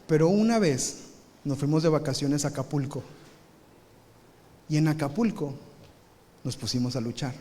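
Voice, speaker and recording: A male pastor preaching live in a big church, telling a lively story and punctuating it with shouted sound effects. His voice sits high for a man and carries a long hall reverb. It sounds like a recorded church service. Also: moderate pace, pauses often. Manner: animated, acts out scenes with shouted sound effects. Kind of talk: sermon with comic storytelling.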